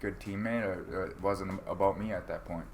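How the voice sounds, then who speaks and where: A man's voice: low voice, normal speed, slight background noise. A man telling a fight story to friends in casual, profane chat, acting out what people said. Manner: profane, animated, acts out quotes. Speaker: amateur fighter.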